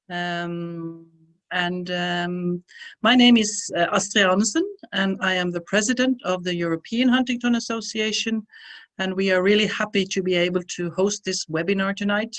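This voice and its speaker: Woman webinar host, relaxed and friendly, frequent "uh"s and "um"s, on a video call. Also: on the low side. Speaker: association president and webinar host. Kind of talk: hosting a webinar.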